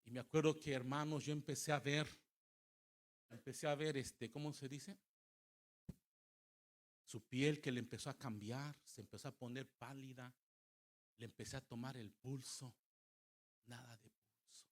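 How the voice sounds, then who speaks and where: A middle-aged man preaching a sermon at a church service. He tells a story dramatically, moving from loud emphatic calls to quiet recounting. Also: medium pitch, steady tone, normal speed, long pauses. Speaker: pastor. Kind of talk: Spanish-language sermon with storytelling.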